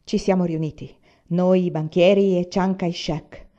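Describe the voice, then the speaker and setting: A woman's voice: on the low side, fairly even intonation, a little slow, mellow, dull audio, close to an everyday voice. A woman voicing a stern wealthy father, a banker who speaks in clipped, curt sentences.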